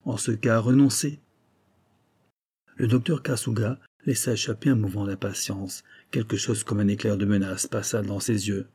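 Mellow, husky male narrator. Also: fairly low pitch, fairly even intonation, brisk, hardly any pauses. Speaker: audiobook narrator. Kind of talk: scripted narration.

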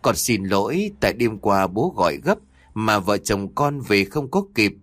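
A man's voice: fairly low pitch, sing-song, a little slow, no room sound, heavily acted. A man voicing an apologetic middle-aged daughter-in-law. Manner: apologetic, soft.

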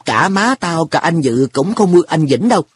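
Man voicing a cheeky happy-go-lucky kid, pitched up and bouncy, breathy husky tone. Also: sing-song, normal speed, a little hiss or hum. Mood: blunt. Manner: offhand, blunt boyish talk. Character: boy An, carefree, teasing, money-minded.

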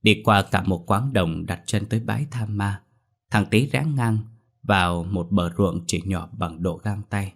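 A man narrating a scripted horror story in a measured storytelling manner. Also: sits low, vocal fry.

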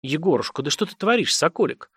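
A man's voice: fairly high pitch, animated, fast talker, fairly bright tone, breathy edge, dry recording, studio quality. A man reading an audiobook, voicing a fawning, wheedling elder of the cave folk who mutters pleas to the guard chief. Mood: pleading.

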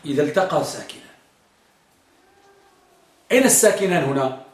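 Guy teaching grammar in class, high voice, keeps quizzing students and drawing out examples, sounds far off. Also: expressive. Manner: quizzes students, repeats examples slowly with emphasis. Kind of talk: classroom lesson. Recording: echoey room from far off.

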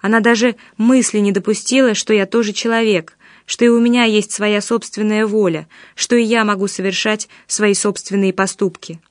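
Steady woman audiobook narrator. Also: mid-range voice, normal speed, few pauses, no room sound, studio quality. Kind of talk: audiobook reading.

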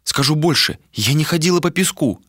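A persistent young woman asks question after question in a lifted, bright voice, as a male narrator puts her on. She keeps pressing despite the curt answers. The sound is close and dry. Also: fairly high pitch, lively intonation, brisk, dry recording, pitched above the performer's own voice. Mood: dreamy. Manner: probing, persistent. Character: bold inquisitive young woman on a ship.

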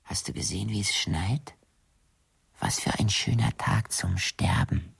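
Creepy killer voice, slow taunting whispers, raspy and gravelly. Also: deep voice, a bit bright, heavily acted. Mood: menacing. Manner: slow, mocking, drifting into whispers. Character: sinister anonymous male killer, taunting. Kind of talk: radio drama acting.

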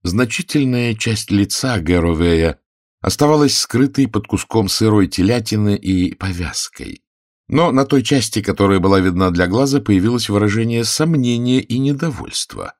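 Brief: male audiobook reader, lively lilting pitch, dry close sound. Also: moderate pace, dry recording. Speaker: narrator. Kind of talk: audiobook narration.

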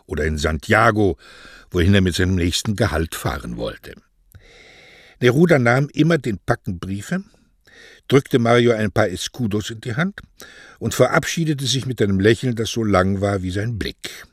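A calm, measured male audiobook reader narrates a scripted story in a low voice. The recording is close and dry, without any room sound.

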